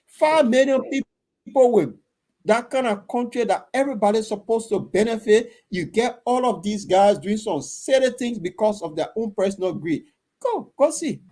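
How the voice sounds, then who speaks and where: Man, Liberian English accent, middle-aged, high-pitched, soft dark timbre, blunt storyteller. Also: expressive, moderate pace. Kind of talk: casual discussion.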